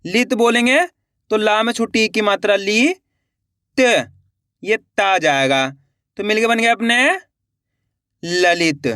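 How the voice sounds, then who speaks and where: A man teaching spelling slowly and patiently, asking the viewer questions, repeating each word and dropping low as he finishes it. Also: pushed and bright, no room sound, studio quality. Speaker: Hindi writing teacher. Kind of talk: slow, patient spelling lesson.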